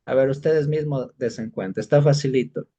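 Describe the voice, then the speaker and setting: With a mellow, mid-range voice and a fairly brisk pace, a man teaches an exam-prep class. He explains things patiently and keeps checking in with brief questions to see whether his students follow.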